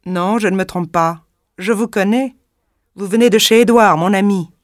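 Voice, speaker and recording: A woman reader voicing a massive, coarse young woman who shouts harsh, scornful accusations in a shrill voice. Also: moderate pace, no room sound, clean studio sound, close to an everyday voice. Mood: furious.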